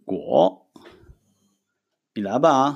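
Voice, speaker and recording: A man teaching a recorded vocabulary lesson. He says each new word slowly, gives its meaning, and says it again. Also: mid-range voice, animated, lo-fi sound. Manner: reads each word slowly, then translates and repeats it. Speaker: language teacher.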